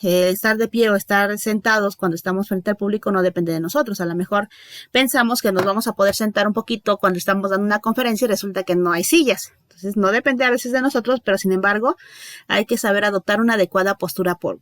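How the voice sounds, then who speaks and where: A woman's voice: medium pitch, fast talker, a bit bright, dry recording, studio quality. A woman giving a recorded lecture, talking in a loose, conversational way, full of fillers and restarts and often checking in with her listeners. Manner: conversational, many fillers and self-corrections; checks in with listeners with tag questions. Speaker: teacher.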